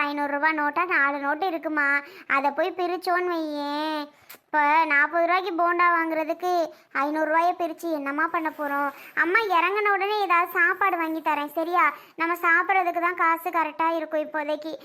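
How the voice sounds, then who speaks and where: A harried mother, played by a performer in a family drama skit, curt and scolding. Her voice is bright and sharp, pitched high, and clipped.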